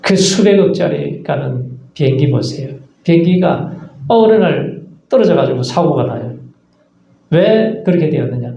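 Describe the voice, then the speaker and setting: A man's voice: on the high side, animated, unhurried, gravelly, dark tone, highs cut off. A man preaching a sermon as pastor, earnest, asking rhetorical questions and acting out short asides. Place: church sanctuary. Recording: echoey church sanctuary.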